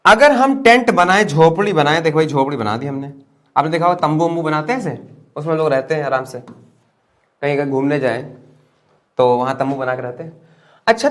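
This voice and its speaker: A young man with an Indian English accent teaching vocabulary through memory tricks, his voice pitched a bit high. He lifts his voice to stress key words, then drops low for quick asides. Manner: lively, swings between high emphatic and low murmured asides.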